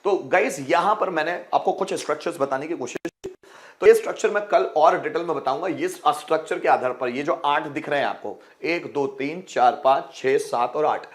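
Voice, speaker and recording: Male teacher, middle-aged, slightly high voice, repeats rules patiently, classroom lesson. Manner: repetitive, drills rules slowly; answers viewer questions directly. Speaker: English grammar teacher.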